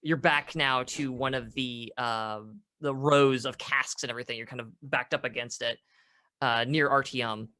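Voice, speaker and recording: A man's voice: medium pitch, fairly even intonation, moderate pace, bright, forceful tone. A man working as game master, narrating casually and improvising vivid descriptions.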